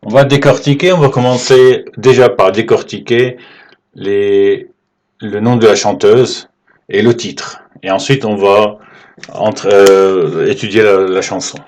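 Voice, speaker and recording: Man, Arabic teacher, low voice, slow patient whiteboard lesson. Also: steady tone, darkish tone. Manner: slow and patient, checks in with "d'accord?".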